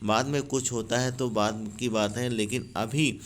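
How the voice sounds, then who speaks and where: A man's voice: medium pitch, steady tone, a little slow, a little hiss or hum. A man teaching grammar for an exam from handwritten notes, calling viewers friends and asking and answering his own questions. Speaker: exam-prep YouTube teacher.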